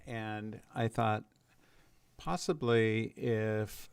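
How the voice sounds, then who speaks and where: A man on a city council asking questions at a work session, deliberate and rambling, repeating words as he goes. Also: fairly low pitch, smooth, dry recording. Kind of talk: council meeting discussion.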